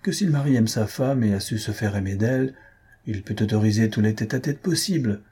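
A man's voice: on the low side, a little fast, mellow, breathy edge. Man doing a poised, amused young countess. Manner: light, amused, unruffled.

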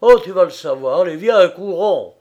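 A man voicing a pale, deeply shaken young man who presses his friend to hurry, in an audiobook reading. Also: expressive, moderate pace, a little mellow. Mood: urgent. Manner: urgent, pressing and breathless. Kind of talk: audiobook character voice.

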